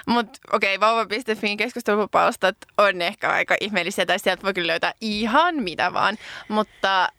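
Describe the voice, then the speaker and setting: A woman co-hosting a casual podcast conversation, talking in a thoughtful, lively way with fillers. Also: mid-range voice, dry recording, clean studio sound. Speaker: podcast co-host.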